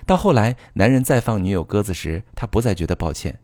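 A man with a low voice hosts a relationship advice talk, explaining and instructing in an earnest way. His pitch moves a lot as he speaks straight to his listeners. The recording is close and dry. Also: lively intonation, brisk, a little mellow, no echo. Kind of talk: advice monologue.

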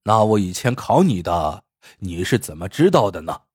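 A man voicing a fat, scheming male shopkeeper who mocks and tests a blind customer, with a husky, teasing manner in a storybook tale. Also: low-pitched, very animated, normal speed, darkish tone, no echo, clean studio sound, pitched below the performer's own voice, heavily acted. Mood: mocking. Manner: sneering, teasing.

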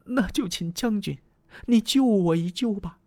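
A male storyteller voicing a young, beautiful woman who pleads tearfully in a raised, soft, weepy voice. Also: high-pitched, measured pace, no room sound, voice pushed up. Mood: reproachful.

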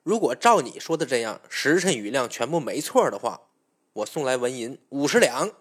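A man's voice: medium pitch, big pitch swings, normal speed, husky. Storybook dragon king, rash and boastful, all bluster and threats, put on by a male storyteller.

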